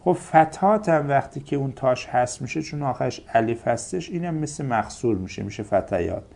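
A man's voice: medium pitch, animated, gravelly, darkish tone. A man teaching a grammar lesson, listing example words in careful paired recitation. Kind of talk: Arabic grammar lecture.

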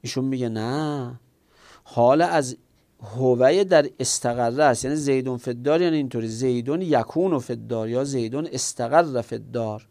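A man's voice: mid-range voice, dark tone. A man teaching a grammar class, explaining step by step, asking himself questions and answering them, and speaking directly to his students.

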